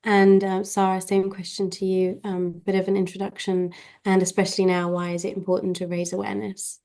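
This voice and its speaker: A woman's voice: medium pitch, completely flat delivery, a little fast, darkish tone. A woman hosting a webinar panel on a video call, giving brief thanks and handing questions to the next guest. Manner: brief thanks and hand-offs. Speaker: webinar host. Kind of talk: moderating a panel.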